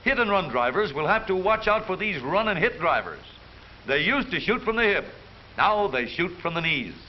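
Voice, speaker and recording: This is jaunty 1930s newsreel narration by an American man whose fairly high voice swings widely in pitch as he wisecracks theatrically. He is very animated and keeps a moderate pace. A light hiss sits over the dull old soundtrack.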